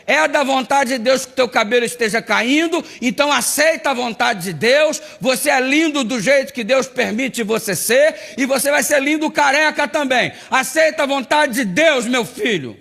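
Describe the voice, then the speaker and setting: A man's voice: extremely high pitch, animated, moderate pace, vocal fry, hardly any pauses, sharp tone, pitched above the performer's own voice, exaggerated voice. A man voicing his older mother, who teases her son in a sing-song way. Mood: teasing. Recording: long hall reverb.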